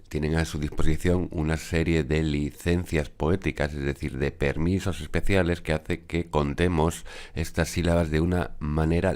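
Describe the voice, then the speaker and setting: A man with an extremely low voice talks through a lesson over his screen recording. He explains step by step in a measured, patient way and often pauses on small fillers. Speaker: teacher.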